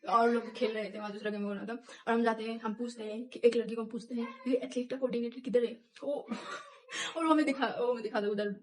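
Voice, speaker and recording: Animated young woman telling a story. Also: a little high, brisk, slight background noise. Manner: animated, laughs often, acts out quoted lines. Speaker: vlogger. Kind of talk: casual storytime.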